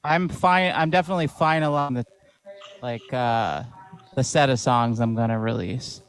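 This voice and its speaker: A man's voice: medium pitch, clear, resonant tone. A man who is a singer-songwriter guest on a panel, chatting casually and hesitantly. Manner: hesitant, halting, with restarts. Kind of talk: casual chat.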